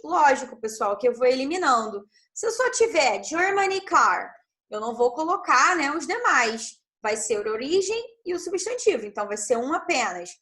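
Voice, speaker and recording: A woman with a high voice teaches an online class through her computer mic. She explains step by step and keeps asking her students if they are following. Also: fairly bright tone. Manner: explains step by step, checks in with frequent tag questions. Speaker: English teacher.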